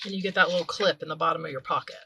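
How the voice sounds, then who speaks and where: Hosting a relaxed craft video, a woman with a bright, clear, yet deep voice narrates as her hands stay busy. She talks very fast and often stops to rephrase or correct herself mid-sentence. A little hiss or hum sits under the recording.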